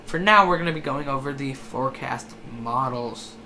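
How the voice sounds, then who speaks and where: In live hurricane coverage with noticeable background noise, the host hesitates over forecast commentary and keeps correcting themselves. The voice is mid-range, pushed and bright, at a normal speed.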